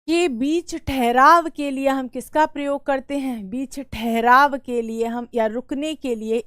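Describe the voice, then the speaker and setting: High-voiced woman teaching slowly. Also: a bit bright, smooth, no echo, clean studio sound. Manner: slow, repeating key words, asking students questions. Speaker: Hindi teacher. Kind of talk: exam-prep lesson.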